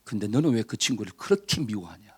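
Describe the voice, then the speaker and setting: Man playing God, grave, reproachful, low, husky. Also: very animated, fast.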